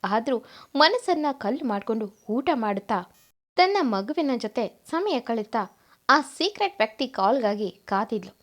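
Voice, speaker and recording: A woman narrating a serialized family drama story with expressive reading. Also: on the high side.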